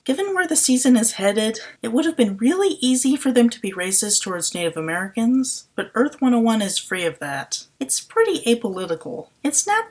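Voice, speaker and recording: A woman narrating a scripted TV episode review in a sarcastic, exasperated way. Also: mid-range voice.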